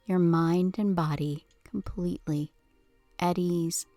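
A woman leading a guided hypnosis session with a slow, soothing countdown delivery, soft and breathy at phrase ends. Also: on the low side, steady tone, dry recording, faint music behind. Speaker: hypnosis podcast host.

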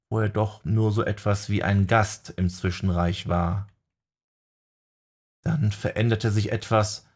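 A man reading a dark fantasy story aloud in measured, dramatic narration. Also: lowish voice. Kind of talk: scripted audiobook narration.

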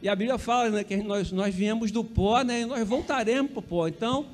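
A man's voice: high voice, a little fast. A Brazilian man preaching a sermon as pastor, chatty and conversational, often checking in with the congregation and joking about his own slips. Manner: conversational, peppered with tag questions to the congregation; self-correcting, joking asides.

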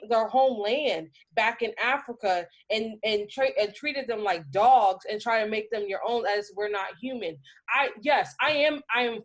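A woman co-hosting a podcast in casual chat. She talks in a heated, emphatic way with frequent restarts. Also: on the high side. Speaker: podcast co-host.

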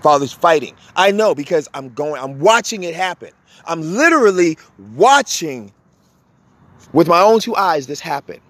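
A man's voice: on the high side, very animated, moderate pace, a bit bright, dry recording. A man hosting a podcast, delivering a fiery, blunt and profane monologue, hammering his points home by repeating them. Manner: emphatic, repeats points for force. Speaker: podcast host. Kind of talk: impassioned monologue.

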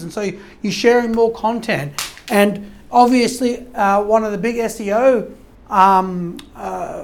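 Chatty SEO consultant explaining off the cuff, lots of restarts and "right?", voice going after long talking. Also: mid-range voice. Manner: rambling, frequent restarts and tag questions. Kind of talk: informal explanatory talk.

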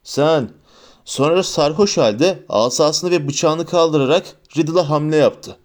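A man narrating a fantasy novel as an audiobook, with a steady, expressive reading. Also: fairly high pitch, a little slow.

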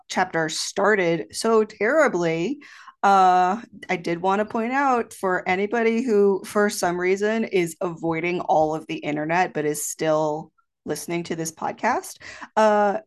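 A woman co-hosting a podcast in casual chat, blunt and emphatic with free swearing, with a slightly echoey sound from recording in an office. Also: medium pitch. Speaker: podcast co-host. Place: home office standing in for a recording studio. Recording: slightly echoey untreated room.

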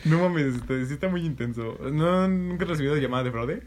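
A man's voice: a little high, a little fast, darkish tone, a little hiss or hum. A young man with a Mexican accent co-hosting a casual chat, joking in slang. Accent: Mexican Spanish. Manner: joking, slangy, acts out quoted voices. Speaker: podcast co-host.

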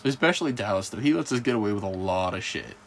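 A man's voice: on the low side, lively intonation, fast, a little hiss or hum. Laughing, swearing teenage boy telling stories. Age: teens. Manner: swearing storyteller, laughing, quoting teachers. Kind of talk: casual chat.

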